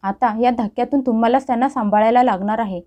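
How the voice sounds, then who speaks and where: Brief: calm male doctor, read by a woman, matter-of-fact, high, mellow voice. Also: quick pace, lightly acted. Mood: grave.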